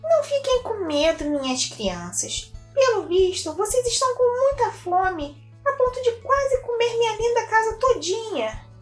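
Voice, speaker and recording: A woman voicing a cranky, greedy old witch in a storybook reading, shrill and scolding. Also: very animated, measured pace, hardly any pauses, exaggerated voice. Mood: sugary. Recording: roomy with soft music.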